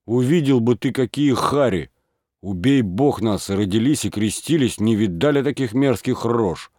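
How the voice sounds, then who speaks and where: A man's voice: medium pitch, normal speed, no echo, clean studio sound, lightly acted. A man voicing frightened village watchmen who protest and plead in an audiobook reading. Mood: agitated. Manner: excited, protesting.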